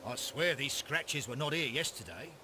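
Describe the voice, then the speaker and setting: An actor playing an earnest Victorian police inspector in a video game, with an English accent and an emphatic, matter-of-fact manner. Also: male voice, mid-range voice, lively intonation, normal speed, pushed and bright. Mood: puzzled. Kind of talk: video game dramatic acting. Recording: clear background noise and outdoor ambience.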